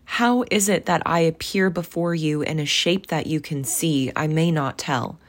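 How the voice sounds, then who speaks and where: A woman's voice: sits low, moderate pace, close to an everyday voice. A woman reading aloud and voicing the mournful ghost of an old businessman, solemn and warning. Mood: urgent. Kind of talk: storybook reading.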